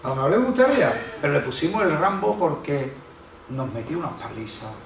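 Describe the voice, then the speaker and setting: A man's voice: on the high side, very animated, moderate pace, noisy background. A man preaching a sermon as pastor, telling folksy stories and acting out the voices he quotes. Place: church hall. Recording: echoey hall from a distant mic.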